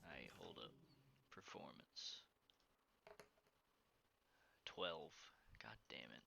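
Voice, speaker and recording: A man's voice: rumbling low, lively intonation, drawn-out words, creaky, pushed and bright, slight background noise. A man playing in a tabletop game, dry and playful, a little exasperated. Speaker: player.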